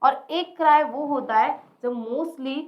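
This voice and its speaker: Brief: high-pitched woman, English tutor, slow repeated drills, dull lo-fi sound. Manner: slows down and repeats example phrases, quizzing the viewer. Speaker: English teacher. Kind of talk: classroom-style spoken lesson.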